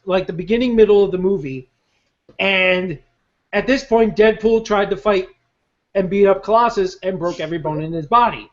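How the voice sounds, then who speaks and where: A man co-hosting a podcast, steering the casual talk and recounting jokes. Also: high voice. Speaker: podcast co-host. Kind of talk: casual chat. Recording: dull lo-fi sound.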